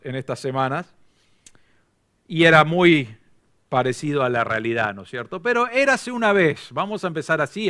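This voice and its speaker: Argentine pastor, high, bright voice, chatty storytelling sermon. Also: male voice, clean tone. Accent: Argentine Spanish. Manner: conversational, storytelling preaching.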